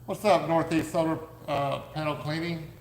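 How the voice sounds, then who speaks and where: A man co-hosting a live podcast from a warehouse, pitching his gear with eager, salesman-like energy, his voice going hoarse. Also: little pitch movement, normal speed, reverberant, in a large hall, a little hiss or hum, rough recording. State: losing his voice. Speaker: podcast co-host, business owner. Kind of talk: casual live podcast chat.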